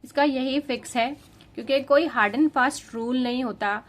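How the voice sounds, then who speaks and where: A woman hosting a parenting channel, patiently explaining spelling lessons in a mix of Hindi and English. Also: high voice. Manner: slow, patient teacherly explaining.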